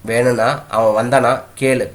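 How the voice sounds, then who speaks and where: Old village grandmother voiced by a male reader, blunt, mocking, mid-pitched, storybook. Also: fairly even intonation, measured pace, natural voice.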